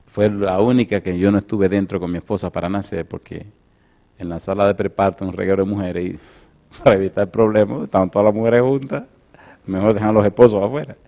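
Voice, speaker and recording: Middle-aged male preacher, lowish voice, animated sermon storytelling with loud peaks and quiet asides. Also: a little fast, creaky, highs cut off. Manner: animated, swings from loud emphatic lines to soft storytelling.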